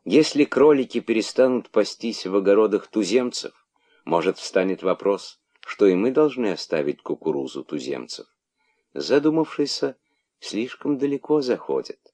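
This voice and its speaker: A man's voice: lowish voice, sing-song, a little mellow, breathy edge, voice pushed up. A man doing a stern mother monkey. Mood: weary. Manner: stern, measured.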